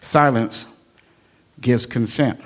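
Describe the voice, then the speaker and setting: A man's voice: mid-range voice, slow pace. A man preaching a sermon, reading scripture aloud with dramatic emphasis and playful asides.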